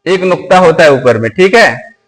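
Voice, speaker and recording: A man teaching Quran letters, asking questions and repeating each letter slowly and patiently. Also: on the high side, expressive, a bit bright, rough recording.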